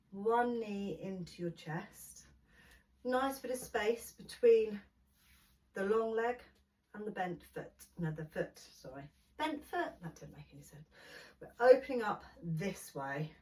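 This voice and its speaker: Yoga teacher lady, slow gentle instructions, kinda distant from the mic. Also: mid-range voice. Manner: slow, soothing instruction, softening to near whisper. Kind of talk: guided prenatal yoga class.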